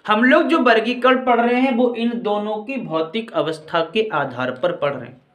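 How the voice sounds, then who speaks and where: Man, chemistry teacher, fairly high voice, step-by-step lecture, roomy echo. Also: normal speed, fairly bright tone. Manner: explains step by step, often asks if it is clear; addresses students as children and friends. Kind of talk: classroom-style lecture. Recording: echoey room.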